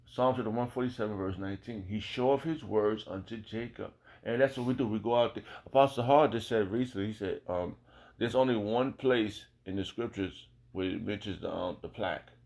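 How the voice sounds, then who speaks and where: An American man teaches scripture informally and emphatically, using everyday language, repeated phrases and rhetorical questions. His voice is gravelly, fairly low and darkish in tone.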